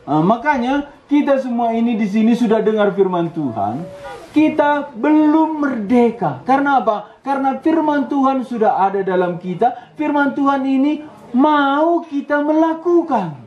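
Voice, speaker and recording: A man's voice: extremely high pitch, expressive, normal speed. A male preacher giving a camp sermon, telling stories and acting out short dialogues with lots of animation. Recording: roomy, slightly dull hall recording.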